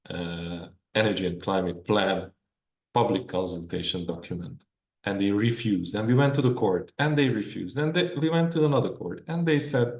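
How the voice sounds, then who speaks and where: Fast-talking man from Hungary, roomy sound. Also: fairly low pitch. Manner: fast, animated and conversational. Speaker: environmental lawyer presenting. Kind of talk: webinar presentation. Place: video call, voice over slides. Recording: roomy video call audio.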